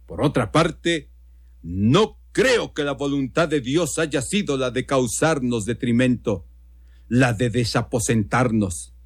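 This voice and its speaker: A man's voice: medium pitch, animated, slow pace, slightly rough, no room sound, clean studio sound, full character voice. A man with a Mexican accent voicing a pompous male governor who speaks in florid, solemn oratory for a radio story reading. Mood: solemn, grandiose. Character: pompous, grandiloquent male state governor making a speech.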